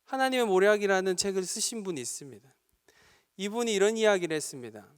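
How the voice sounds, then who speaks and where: A man's voice: sits high, expressive, fast, clear, resonant tone. A male pastor from Gyeongsang Province preaching an earnest, exhorting sermon to a youth service in a church sanctuary. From Gyeongsang Province, Korea. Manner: earnest, exhorting, building to fervent appeals. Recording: long reverb of a church sanctuary.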